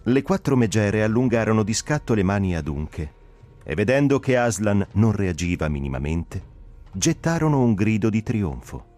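Male narrator, low voice, lively expressive reading, soft music behind. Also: moderate pace. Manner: expressive, varied delivery. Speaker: narrator reader. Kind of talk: dramatic audiobook reading.

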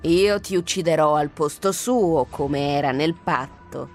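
La Strega Bianca, beffarda e lenta. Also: female voice, low-pitched, unhurried, a little mellow, soft background music. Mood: gloating. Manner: mocking, venomous, triumphant. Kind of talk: radio drama reading.

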